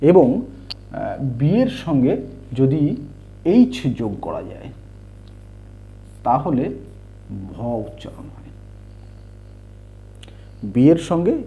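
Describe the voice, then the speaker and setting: A man teaching English letter sounds, spelling words out and repeating the sounds slowly. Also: mid-range voice, big pitch swings, vocal fry, warm tone, slight background noise. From India. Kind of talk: slow explanatory lesson. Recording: dull lo-fi home recording.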